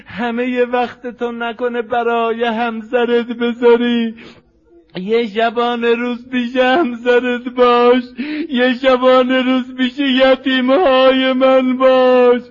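High-voiced man chanting mournful recitation. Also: monotone, dull audio. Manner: plaintive, turns to tearful chanting.

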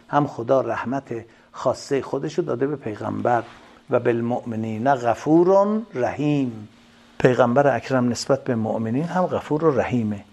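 A male preacher delivers a religious lecture in a gravelly voice. His tone has a husky edge. He often poses a question and then answers it himself. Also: mid-range voice, a little mellow. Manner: asks rhetorical questions and answers them himself.

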